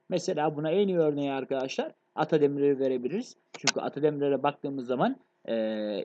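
Fast-talking man teaching a review lesson. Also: fairly high pitch, a little mellow, dull audio. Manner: fast, addresses students as friends, frequent checks. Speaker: literature teacher. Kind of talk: exam review lecture.

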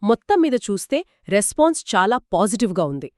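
A woman's voice: mid-range voice, very animated, fairly quick, darkish tone, no echo, clean studio sound. A woman co-hosting a book discussion podcast, explaining and summing up reader reviews. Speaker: podcast co-host.

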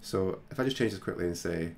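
A man hosting a screen-recorded software tutorial, talking casually and thinking aloud with plenty of fillers. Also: low-pitched, fast, creaky, a little hiss or hum. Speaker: tutorial host.

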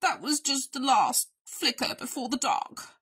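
A woman's voice: high-pitched, lively intonation, unhurried, a bit bright, breathy edge, voice pushed up, heavily acted. A woman voicing a melodramatic, self-pitying male bear sick with a cold. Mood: mournful.

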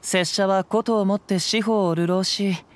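A male actor playing a gentle, poetic young wandering samurai in a video game, speaking calm, measured, old-fashioned samurai Japanese. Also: high-pitched. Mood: calm, thoughtful. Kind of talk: scripted game dialogue. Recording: clean voice over background music.

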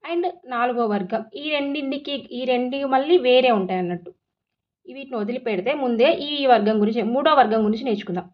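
Lady teacher doing exam prep, keeps asking and answering herself, kinda high voice, dull lo-fi sound. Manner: repetitive drilling, asks and answers own questions.

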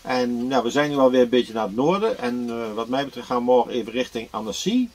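Speaking quickly in a mid-range, sing-song voice with a darkish tone, a man in his sixties vlogs casually about his camper trip to a handheld camera at arm's length. He's easygoing, full of fillers and restarts, filming first inside his camper van and then outdoors by a river.

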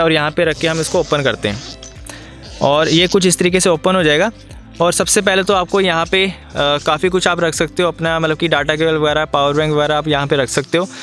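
Young male vlogger, high voice, friendly explainer, phone mic with faint music. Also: a bit bright. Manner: chatty, explanatory, addresses viewers as friends. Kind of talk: casual tutorial vlog. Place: inside a moving car, then outdoors by the car. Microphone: phone's built-in mic.

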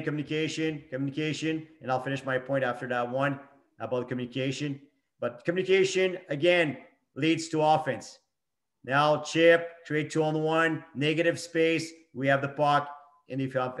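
A middle-aged hockey coach talking through game clips in short, emphatic phrases and repeating his key points. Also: fairly high pitch. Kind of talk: coaching talk over game video clips.

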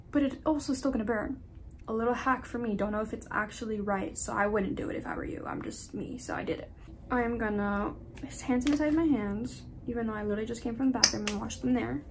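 A woman's voice: fairly high pitch, vocal fry, a little mellow, a little hiss or hum, poor audio. Chatty young woman with a slight lisp. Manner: rambling, self-deprecating, swears casually. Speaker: vlogger. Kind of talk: casual get-ready-with-me chat. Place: at home, indoors.

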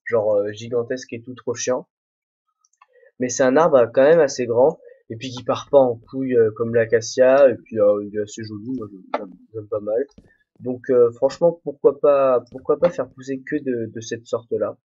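Playing through a game solo, a young host rambles aloud to himself and makes fun of himself, his mid-range voice warm with a breathy edge and at a normal speed. A desk mic with no headphones yields a dull, muffled home recording.

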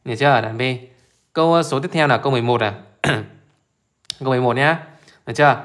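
A male math teacher with a mid-range, slightly bright voice goes through exam questions in a live walkthrough. He keeps things brisk and casual, repeatedly pausing to make sure listeners follow and echoing short prompts.

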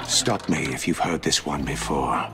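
An actor playing a theatrical older villain in a video game, who taunts in a deliberate, menacing way. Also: male voice, extremely low pitch, over music. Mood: menacing, taunting. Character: menacing old hooded male villain, theatrical riddler.

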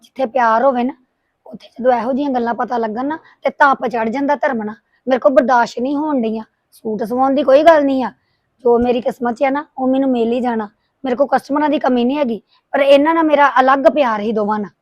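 A woman playing a tailor with young children who feels wronged by her gossiping neighbors, complaining in a rapid, indignant way. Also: sits high, no echo, highs cut off. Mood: hurt. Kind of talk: domestic drama acting.

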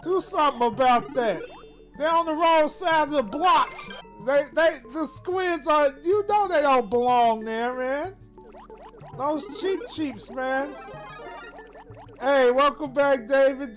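A high-pitched woman streamer talks at an easy, unhurried pace while she plays. She jokes with her chat and breaks into laughter often. Faint music plays in the background. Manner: excitable, joking, laughs often. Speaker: game streamer. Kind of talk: live gameplay commentary.

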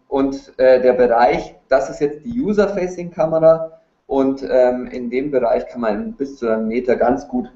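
A man's voice: medium pitch, warm tone. A man co-presents a webinar, explaining technical details without a script. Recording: echoey, muffled webinar audio.

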